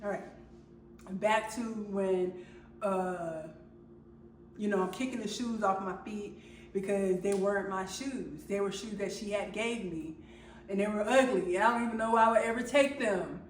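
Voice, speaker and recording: A woman vlogger telling a personal story in a halting way, with many fillers and restarts. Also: medium pitch, a little hiss or hum. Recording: roomy sound from a distant mic.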